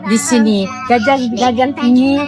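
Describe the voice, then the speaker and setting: A Russian-accented woman, a native Russian speaker, answering an interview haltingly with many pauses and fillers. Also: fairly high pitch, steady tone, over music.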